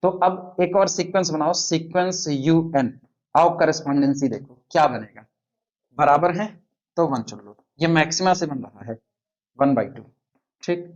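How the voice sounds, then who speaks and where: A man teaching a math lecture at the board, quizzing his students and slowly counting through terms. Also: fairly high pitch, lo-fi sound.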